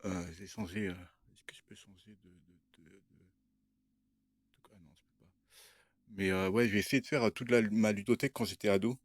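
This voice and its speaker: A man's voice: lowish voice, steady tone, normal speed. A young man talking casually to camera, showing what he bought, hesitant with many fillers and restarts. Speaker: vlogger. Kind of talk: casual show-and-tell vlog.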